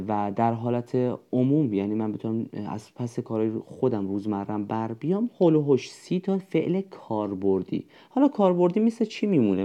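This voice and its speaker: Low mellow-voiced male language teacher. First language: Persian. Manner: patient, explains step by step, lists words slowly. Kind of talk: spoken language lesson.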